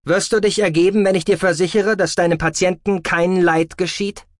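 A man's voice: sits high, fairly even intonation, normal speed, no room sound, clean studio sound, pitched above the performer's own voice, close to an everyday voice. A man voicing a young, stern alien fleet commander who speaks curtly, in a German audiobook. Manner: curt and commanding.

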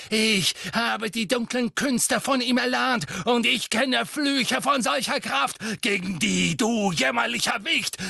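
A man reading an audiobook voices a fanatical female dark witch, shrill and screaming. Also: creaky, no echo, clean studio sound, full character voice.

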